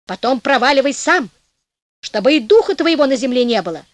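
Cheeky young storybook hero, wry and bossy, high lively voice, read by a woman. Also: a little fast, no echo. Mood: commanding. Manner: mock-modest, then commanding. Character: clever, cheeky young man, bold.

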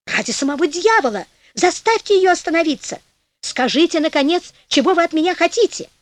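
A woman voicing a sly, fawning male devil in a storybook tale, ingratiating and then shrill when he pleads. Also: sing-song, moderate pace, no room sound. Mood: wailing.

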